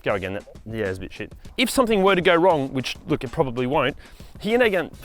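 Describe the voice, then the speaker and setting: A man with an Australian accent presents a used car review outdoors beside a car, upbeat and animated, swearing when he fluffs his lines. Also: on the high side, quick pace, over music.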